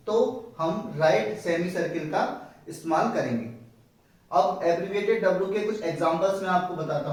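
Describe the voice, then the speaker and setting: A man with a fairly high voice teaches a step-by-step lesson, repeating each word as he explains it. He sits a little away from the mic in a very echoey room. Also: far from the mic. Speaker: shorthand teacher.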